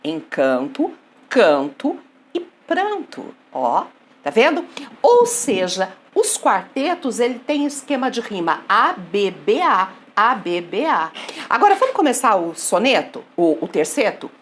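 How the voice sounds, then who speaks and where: A woman's voice: medium pitch, slight background noise. A woman teaching a poetry lesson, explaining rhyme and syllable counts step by step and quizzing her class. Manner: animated, explains step by step and asks the class questions; reads verse slowly and softly. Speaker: literature teacher.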